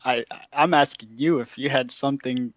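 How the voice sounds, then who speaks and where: A man playing a tabletop game who describes his character's actions in a halting, stammering way and laughs often. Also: mid-range voice, fairly even intonation, dry recording, dull audio. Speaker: player.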